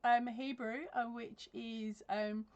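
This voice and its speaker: Slow and steady, a slightly high yet darkish voice comes from an Englishwoman chatting casually on a crochet livestream as she reads comments. She laughs often and fills gaps with ums. The setting is her home craft room with yarn on the shelves, recorded by a desk webcam.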